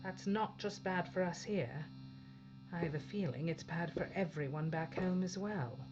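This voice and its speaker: This actor voices a ship's captain, a hard, commanding woman in charge of a failing spaceship in an audio drama, blunt and authoritative, wary but determined. She speaks naturally in a lowish voice at a moderate pace, with the highs cut off and a noisy background.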